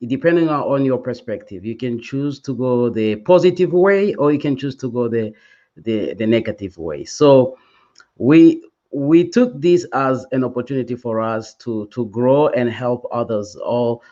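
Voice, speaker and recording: A man's voice: mid-range voice, expressive, unhurried, mellow. Hesitant man, dull lo-fi audio. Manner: hesitant, with fillers. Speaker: panel guest. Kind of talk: panel interview.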